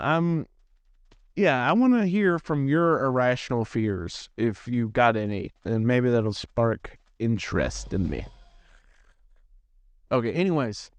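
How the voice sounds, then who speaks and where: A man's voice: medium pitch, smooth, no echo. A teenage boy hosting a gaming channel, telling a rambling, self-deprecating story in casual chat with lots of restarts. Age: teens.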